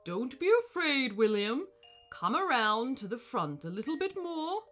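A woman voicing a kindly old male wizard stuck in a car, speaking in a loud, grand, reassuring way. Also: a little high, big pitch swings, measured pace, faint music behind.

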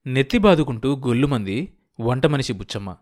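A male audiobook narrator reading a novel aloud in a steady, measured voice. His pitch sits in the ordinary middle range, and his delivery stays even between the voices he puts on.

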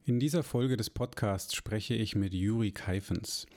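A man hosting a podcast interview, relaxed and hesitant, often pausing with fillers. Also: lowish voice, soft background music. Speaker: podcast host.

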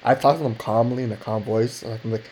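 A young man in casual conversation, talking quickly and rambling with frequent fillers. His voice is warm and mellow, with faint ambience behind him. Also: medium pitch, fairly even intonation, slight background noise, low-quality recording. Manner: rapid, rambling, with frequent "like" and "you know". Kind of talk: casual chat.

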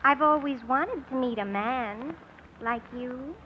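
A woman's voice: high-pitched, takes it slowly. A woman playing a smitten, dramatic seventeen-year-old American girl in an old-time radio drama. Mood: coy, admiring. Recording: muffled, noisy old radio recording.

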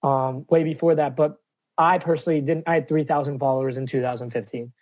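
A man's voice: medium pitch, fairly even intonation, a little fast, darkish tone, no room sound. A man speaking as a guest on an interview podcast, earnest and reflective about advocacy. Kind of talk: casual interview chat.

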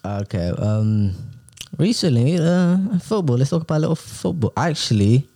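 A man's voice: medium pitch, very animated, normal speed, gravelly, warm tone, no echo, clean studio sound. A young man with a London urban roadman accent, hosting a casual chat full of street slang and tag questions. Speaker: podcast host.

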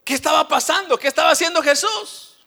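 A man preaching a dramatic, animated sermon who keeps addressing his listeners as brothers. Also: very high voice, a little fast, gravelly.

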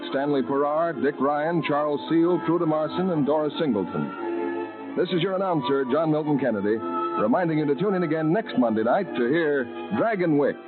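A male radio announcer reading credits in a formal, measured 1940s radio style, heard as an old broadcast. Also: fairly high pitch, animated. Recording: tinny narrow-band old radio recording with music behind. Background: music.

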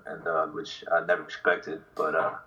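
A football kicker in his twenties, born in South Korea and living in New Jersey since sixth grade, gives casual, easygoing interview answers. His very deep voice is monotone at a normal speed, sounding pushed and bright with the highs cut off, and he's distant from the mic.

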